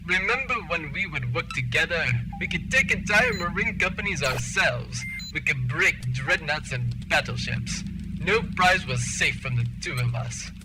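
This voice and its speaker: A man playing an impatient, scheming rival space major in a sci-fi comedy audio drama, blustering and easily exasperated, over loud backing sound. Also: a little high, big pitch swings, normal speed, very noisy. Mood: nostalgic.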